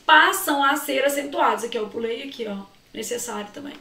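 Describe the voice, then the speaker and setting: A high-voiced Brazilian woman teaching Portuguese to students preparing for an exam. She draws out key words and keeps firing questions at her class. The recording sounds echoey, with her voice a bit far from the mic. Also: a little fast, pushed and bright, a little hiss or hum. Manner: talks to students directly, often asks them questions and answers herself; stretches out key words and syllables while explaining. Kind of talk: exam-prep lesson walking through questions.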